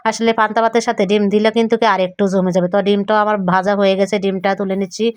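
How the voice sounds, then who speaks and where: A young woman from Bangladesh chatting homely through a cooking voice-over, her voice a little hoarse. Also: medium pitch, flat delivery, racing, no echo. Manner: chatty, homely, describing each step. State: voice keeps going hoarse. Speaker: cooking vlogger. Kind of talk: recorded voice-over for a cooking vlog.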